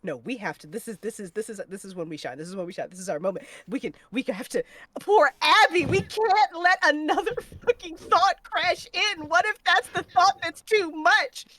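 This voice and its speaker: A woman's voice: very high-pitched, a little slow, hardly any pauses, fairly bright tone. A woman voicing a frantic female braincell who rallies the team by chanting urgent repeated orders in a tabletop game. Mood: panicked.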